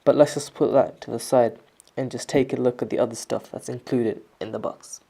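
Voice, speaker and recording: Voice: medium pitch, fairly even intonation, fairly quick, creaky, warm tone, breathy edge. A person giving a casual, explanatory product review, talking through features step by step in an informal way. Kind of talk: casual scripted-sounding product review narration.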